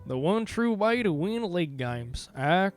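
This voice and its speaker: A man's voice: high-pitched, sing-song, a little slow, faint music behind. A man casting a live esports match and then interviewing the winning team, upbeat with casual fillers. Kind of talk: live esports play-by-play commentary.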